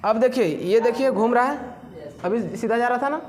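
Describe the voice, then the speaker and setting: A man's voice: very high-pitched, normal speed. A man teaching a physics class, who keeps asking the students questions and then answers them himself.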